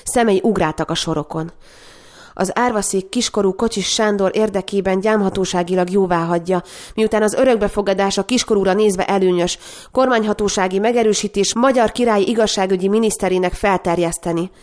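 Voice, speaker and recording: A woman narrating a story aloud in a calm, expressive reading. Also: medium pitch.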